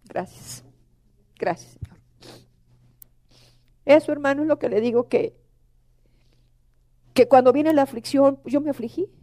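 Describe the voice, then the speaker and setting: A woman's voice: high voice, a little slow, long pauses, mellow. A middle-aged woman preaching a sermon, emotional and pleading, often calling out to the congregation.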